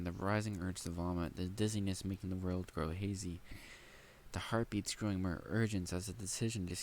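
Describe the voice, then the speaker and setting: A young man reads a novel aloud at home, his low voice full of gravelly fry. He stumbles over words and breaks off into eager reactions, with a faint hiss behind him. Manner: reads haltingly with slips, breaks off to react excitedly. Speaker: light novel reader and reactor. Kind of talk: casual read-aloud with commentary.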